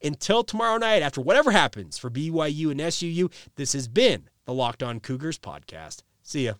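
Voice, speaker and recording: A man's voice: fairly high pitch, sing-song, a little fast, a bit bright, dry recording, clean studio sound. A man hosting a sports podcast, talking through his weekend picks in a casual, filler-heavy way, with a nasal voice. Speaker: podcast host. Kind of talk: sports betting picks talk.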